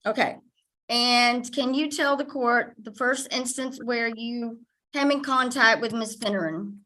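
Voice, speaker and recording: Higher-voiced woman questioning a witness. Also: fairly even intonation, measured pace, pushed and bright, low-quality recording. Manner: brief, formal questions. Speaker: attorney. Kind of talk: courtroom questioning.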